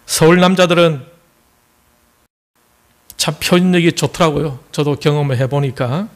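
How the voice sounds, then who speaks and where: Give me a Gyeongsang man preaching, fairly high voice, folksy and joking. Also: normal speed. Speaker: pastor. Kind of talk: sermon.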